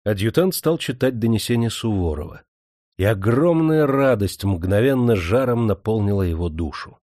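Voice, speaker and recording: A man reads a historical audiobook in a measured, even storytelling manner. His voice is lowish and mellow, recorded close on a dry studio mic with no room sound. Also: dry recording. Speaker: audiobook narrator. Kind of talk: scripted narration.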